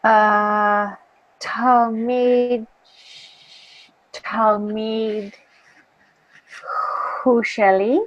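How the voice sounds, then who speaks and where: A woman's voice: fairly high pitch, level tone, drawn-out words, long pauses, muffled recording, slight background noise. A woman student in an online Hebrew class, hesitant, sounding out words and asking questions. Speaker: adult student. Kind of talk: language class practice.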